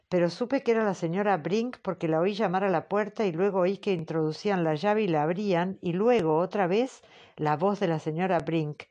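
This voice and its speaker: Timid young female witness, soft and hesitant; voiced by a woman audiobook reader. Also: fairly low pitch, dull audio, natural voice. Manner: hesitant, soft, answers briefly. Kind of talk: audiobook character reading.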